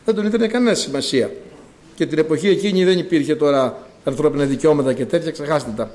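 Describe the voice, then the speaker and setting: A middle-aged man preaching a sermon, acting out quoted voices and swinging from loud to hushed. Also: fairly high pitch.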